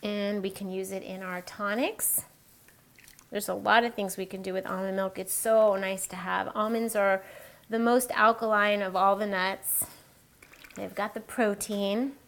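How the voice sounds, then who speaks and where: A woman's voice: medium pitch, vocal fry. Chatty woman demonstrating a recipe. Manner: chatty, upbeat, explains as she works. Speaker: cooking show host.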